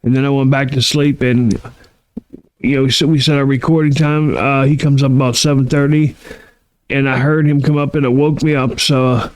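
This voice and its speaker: A man's voice: mid-range voice, flat delivery, normal speed. Sleepy man repeating himself. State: sleepy, yawning. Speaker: podcast co-host. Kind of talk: casual chat.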